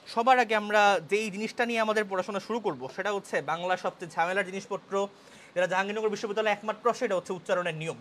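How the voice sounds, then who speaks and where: Brisk young male tutor, fast-talking. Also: high-pitched, a bit bright, a little hiss or hum. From Bangladesh. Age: young adult. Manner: brisk, mixes English words into Bengali. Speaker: university admission tutor. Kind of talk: live online class.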